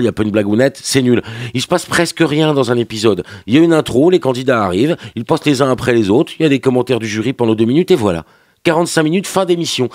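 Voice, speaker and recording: Fast sarcastic French radio columnist. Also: male voice, mid-range voice, a little mellow, dry recording, clean studio sound. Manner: sarcastic, slangy and mocking. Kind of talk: opinionated TV review on morning radio. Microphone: studio microphone.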